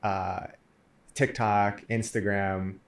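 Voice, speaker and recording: Laughing low-voiced young man. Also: slow pace. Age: young adult. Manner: laughs often, animated storytelling. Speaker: podcast host. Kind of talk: casual interview chat. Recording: echoey room.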